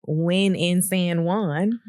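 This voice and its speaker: A woman co-hosts a casual recap podcast, talking through a TV episode in an easygoing way and laughing often. Her voice sits low and she takes her time. The sound is dry and close. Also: extremely slow, clear, resonant tone, no room sound. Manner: laughs often, many ums, relaxed storytelling. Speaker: podcast co-host. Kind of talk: casual reality TV recap chat.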